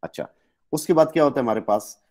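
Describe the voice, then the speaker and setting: A man's voice: mid-range voice, lively intonation, fast, a little mellow. A man with a Pakistani accent giving an online lecture, explaining step by step and correcting his own slips. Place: online class.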